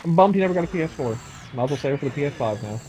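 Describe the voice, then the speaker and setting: A man joining a game stream as a guest, joking and teasing the others in quick banter. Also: on the high side, animated, a little mellow, slight background noise. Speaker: guest gaming YouTuber. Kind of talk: casual chat on a game stream.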